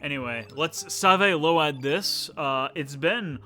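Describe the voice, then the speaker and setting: A man streaming a video game in casual chat, playful and quick to laugh, sometimes reading lines aloud. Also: on the high side, bright, forceful tone, faint music behind. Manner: playful, laughs often, hams up character lines.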